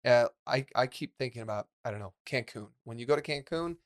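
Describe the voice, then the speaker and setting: A man's voice: mid-range voice, fairly quick. A man co-hosting a podcast, chatting casually and rambling, with many fillers and restarts. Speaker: podcast co-host.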